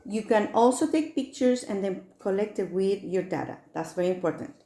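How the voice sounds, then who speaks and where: A woman's voice: medium pitch, lively intonation, brisk, mellow. An echoey room surrounds a woman teaching science to young children. She has a mid-range voice and an upbeat, sing-song kids' presenter delivery. She addresses the children directly as she walks them through each step.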